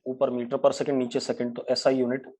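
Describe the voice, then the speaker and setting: Man, physics teacher, brisk, scolding, live online class. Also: medium pitch, flat delivery, mellow. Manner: brisk, scolds students by name.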